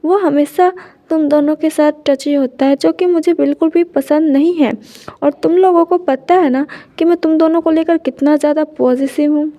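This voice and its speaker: A woman's voice: sits high, steady tone, normal speed, dark tone, close to an everyday voice. A woman voicing a jealous, tearful young husband who pleads with hurt reproach.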